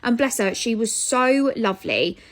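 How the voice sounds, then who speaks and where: A woman's voice: on the high side, expressive, normal speed. A young British woman vlogging casually to camera, chatty and exasperated, swearing now and then. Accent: British English.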